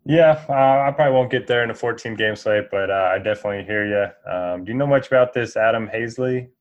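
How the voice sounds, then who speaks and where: Lower-voiced man on dull, lo-fi audio. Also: fast. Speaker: co-host. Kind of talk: casual podcast sports talk.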